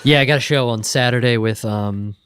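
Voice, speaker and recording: Clear-voiced American man, rambling casually. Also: mid-range voice, a little fast, a bit bright, dry recording. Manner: loose, rambling, slangy. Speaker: podcast co-host and stand-up comedian. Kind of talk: casual chat.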